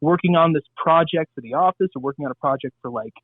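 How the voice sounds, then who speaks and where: A man's voice: on the high side, fast talker, no room sound. Male radio guest from Southern California, loose rambling delivery, phone-quality audio, dry. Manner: loose, rambling, crude humor with many fillers. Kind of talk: casual radio interview. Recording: tinny phone-line sound.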